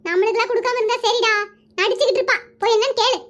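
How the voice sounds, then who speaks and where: A fussy older mother-in-law, put on by a woman, fretting. Her voice sits extremely high and sounds bright and sharp. She wails her complaints like the drama in a comedy skit. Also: rapid-fire. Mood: complaining.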